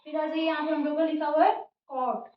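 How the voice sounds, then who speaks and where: A woman's voice: high voice, fairly even intonation, brisk. A woman teaching a casual spoken lesson, explaining word by word and repeating herself often with many fillers. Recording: dull, roomy, distant from mic.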